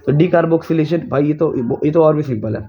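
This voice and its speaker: A man's voice: a little high, fast, lo-fi sound. A young man teaching a chemistry lesson at home, repeating steps and asking rhetorical questions as he goes. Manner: repetitive, drills students with rhetorical questions. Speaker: chemistry tutor. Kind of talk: casual recorded lesson.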